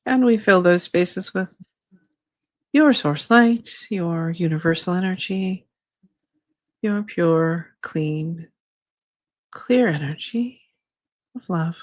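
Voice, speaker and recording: A woman channeling a gentle female spirit guide. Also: on the low side, no room sound, studio quality. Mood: soothing. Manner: slow, soothing, measured delivery. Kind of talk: guided energy clearing.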